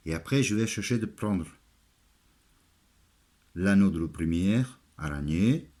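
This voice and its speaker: A man from Italy with a clear Italian accent in his French, talking in a fairly low voice. He takes his time, explaining each step of a craft in simple, halting phrases and repeating them as he demonstrates. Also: expressive, darkish tone. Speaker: armourer giving a craft tutorial.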